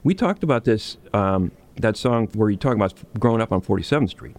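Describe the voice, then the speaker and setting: A man's voice: fairly low pitch, lively intonation, fairly quick, a little mellow, no room sound. A man interviewing a musician he has known for years, asking thoughtful, probing questions.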